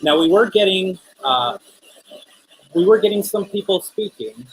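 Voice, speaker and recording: A paranormal investigator hosting a live spirit box session, speaking casually and haltingly, often putting questions to unseen listeners. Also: medium pitch. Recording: noisy, rasping static. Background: raspy radio static noise.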